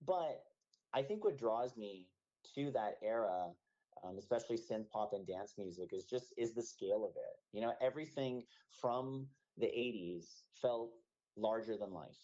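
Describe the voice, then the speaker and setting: A man's voice: on the low side, expressive, moderate pace, dark tone. A man in his thirties from Canada, a musician being interviewed on the radio, talking thoughtfully with many fillers and restarts. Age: 30s. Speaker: musician guest. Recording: dull lo-fi radio audio.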